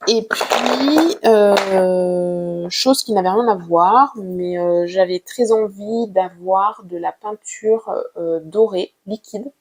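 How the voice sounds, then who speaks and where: A woman casually showing her drawing supplies in a vlog, talking gently and hesitantly with many fillers. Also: mid-range voice. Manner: hesitant, with frequent "euh" fillers; unhurried and gentle. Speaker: art vlogger. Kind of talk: casual show-and-tell about drawing supplies.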